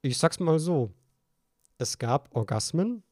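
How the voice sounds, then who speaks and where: Ein junger Mann, der als Co-Host eines Podcasts angetrunken und sprunghaft erzählt, mit vielen Neuanfängen. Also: male voice, a little high, very animated, slow, a little mellow, dry recording, studio quality. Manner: rambling, tipsy storytelling with frequent restarts. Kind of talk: casual chat.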